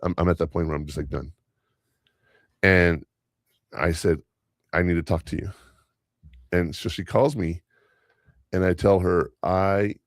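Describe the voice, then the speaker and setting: A deep, gravelly-voiced man who grew up speaking Spanish hosts a laid-back podcast and works as a school teacher. His tone is a little mellow as he meanders through anecdotes from his job, chuckling often. The recording is dry and close-miked, with no room echo.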